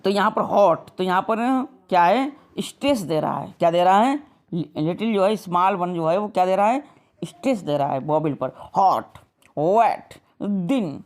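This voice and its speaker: A woman teacher giving a grammar lesson. She drills lists of words, reads the rules out slowly word by word, and keeps checking with "clear?". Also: lowish voice, lively intonation, darkish tone. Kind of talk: grammar lesson, mixing Hindi and English.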